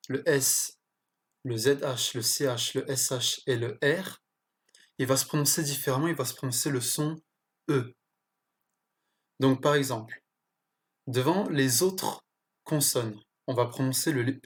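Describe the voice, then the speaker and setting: A teacher slowly explaining pronunciation, pausing often and correcting small slips along the way. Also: medium pitch. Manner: slow, careful explanation with pauses and self-corrections. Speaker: language teacher.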